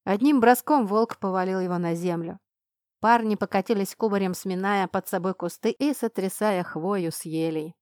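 A woman reading a first-person fantasy story aloud, shifting her pitch and loudness to voice the characters. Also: moderate pace, dry recording, studio quality. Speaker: audiobook narrator. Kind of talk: first-person audiobook narration.

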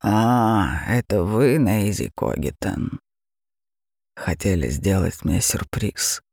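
A huge, mocking dragon, played by a man growls out slow threats in an audiobook. The voice is deeply gravelly and husky, and the words drag along at an unhurried crawl. The recording is close and dry. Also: animated, darkish tone, dry recording, full character voice. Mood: menacing. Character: huge menacing male dragon, cruel and mocking. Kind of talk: audiobook acting.

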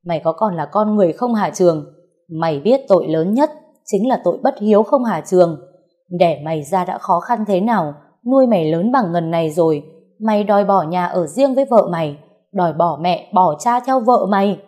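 A woman voicing an aggrieved older mother-in-law who wails and accuses in a shrill, self-pitying way in a storybook reading. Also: lively intonation, brisk, dark tone. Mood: wailing.

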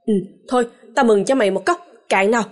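A woman's voice: fairly high pitch, quick pace, natural voice. A woman playing a young man's casual banter. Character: young unmarried man, easygoing drinking buddy.

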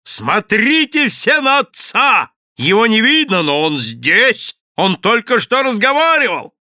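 A man's voice: high voice, sing-song, measured pace, bright, forceful tone, no room sound, studio quality, voice pushed up, full character voice. A man voicing a middle-aged widow who screeches accusations at the top of her voice. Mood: shrieking. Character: shrieking scandalous widow, middle-aged woman.

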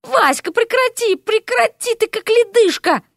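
A weary young prince pleads and rambles in a lively, raised voice, as a woman voices him in a storybook reading. The sound is close and dry. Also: very high voice, a little slow, dry recording, voice pushed up, heavily acted. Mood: pleading. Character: young man, a reluctant prince, weary and evasive.

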